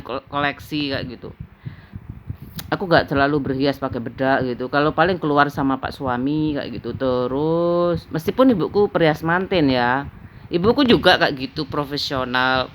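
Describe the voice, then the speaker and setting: A middle-aged woman rambles on in a relaxed vlog chat and breaks into laughter often. Her voice sits low and deep. A faint hiss runs underneath. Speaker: vlogger. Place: at home.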